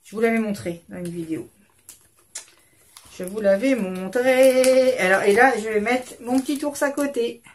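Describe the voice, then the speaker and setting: A woman's voice: a little high, moderate pace, darkish tone. Woman, 50s, vlog host; loose, rambling casual chat from a home desk. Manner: rambling, chatty, self-interrupting. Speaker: craft channel host.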